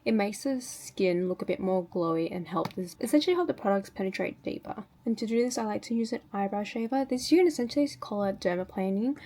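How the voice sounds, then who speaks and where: A woman with a mid-range, dark-toned voice chats casually with viewers as a beauty vlogger, with slight background noise behind her. She narrates every step of her routine informally, like a relaxed tutorial.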